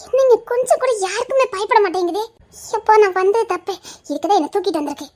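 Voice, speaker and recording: Woman doing a squeaky lively young wife, feisty and playful, pitch all over. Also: fast talker. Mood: scolding. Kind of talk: audio drama acting.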